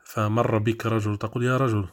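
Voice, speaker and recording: A man teaching Arabic grammar in a classroom lesson, explaining step by step with drawn-out fillers and frequent checks that listeners follow. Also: on the low side, little pitch movement.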